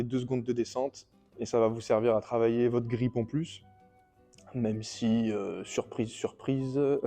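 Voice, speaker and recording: A man with a mellow, relaxed tone explains a workout routine like a casual coach, chatty and slangy as he talks right to the viewer. Soft music plays faintly underneath. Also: medium pitch. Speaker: fitness coach.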